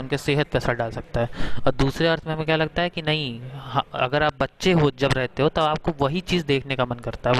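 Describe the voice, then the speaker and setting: A male teacher explaining a lesson to his class, often pausing to ask whether students understood and inviting their questions. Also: medium pitch, a bit bright, poor audio. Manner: keeps checking understanding with short questions.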